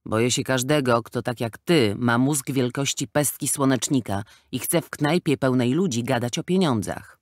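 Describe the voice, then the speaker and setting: A fat, cunning gangster who sneers and hisses his threats, as a male narrator puts him on. He talks down to everyone in this storybook scene, loud and pushy. The sound is dry and close to the mic. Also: mid-range voice, moderate pace, few pauses, dry recording, lightly acted. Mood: scornful. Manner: sly, scornful, hissing threats. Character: fat sly middle-aged male gangster.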